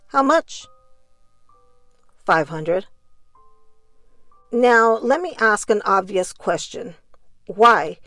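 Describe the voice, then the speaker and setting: Slow-paced woman reading courtroom testimony. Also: medium pitch, no room sound.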